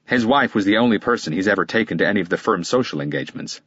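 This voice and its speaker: A guarded middle-aged lawyer answers in short, impatient bursts, as a man puts him on for an audiobook. The voice sits a little higher than the reader's own and stays husky. The sound is dry and slightly muffled. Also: lively intonation, racing, a bit bright, no room sound. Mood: defensive.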